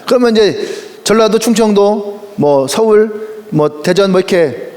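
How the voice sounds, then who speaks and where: A man's voice: high-pitched, lively intonation, a little slow, darkish tone. A male pastor preaching a sermon with a playful storytelling manner, acting out little quoted voices and laughing often. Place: large auditorium. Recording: long hall reverb.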